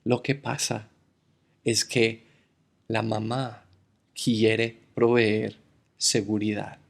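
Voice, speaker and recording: A man's voice: fairly low pitch, flat delivery, very slow, creaky. A man from the United States preaching a sermon, addressing the congregation as brothers and telling a story from his childhood.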